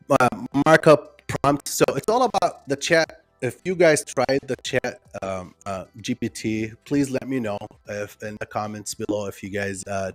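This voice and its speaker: A man with a lowish voice, recorded dry, presents a live online workshop in English, which is not his first language. His delivery is loose and conversational, full of ums and restarts, and he reads viewer comments aloud.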